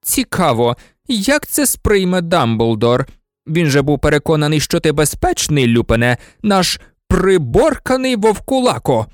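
A man's voice: a little high, very animated, a little slow, no room sound, soft background music. Man doing a vengeful sneering professor, silky voice, dry sound. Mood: mocking.

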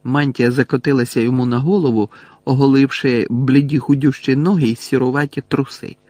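A man reading an audiobook aloud with expressive storytelling. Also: mid-range voice, fairly quick, no echo. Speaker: audiobook narrator.

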